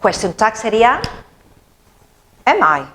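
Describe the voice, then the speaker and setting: A woman, an English teacher explaining grammar in an animated, chatty, playful way. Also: a little high, slow.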